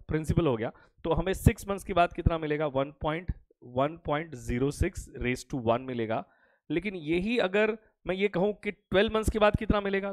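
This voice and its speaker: Teacher with a cough, speaking slowly and fatherly. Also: sits high. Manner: asks questions and answers them himself, repeats each point; calls students "beta" in a fatherly way. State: coughing, has trouble speaking. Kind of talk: online lecture.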